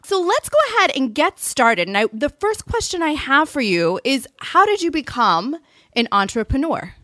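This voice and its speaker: A woman's voice: sits high, big pitch swings, normal speed, a bit bright, no echo. A woman hosting a podcast interview, asking questions in a friendly, encouraging way. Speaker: podcast host.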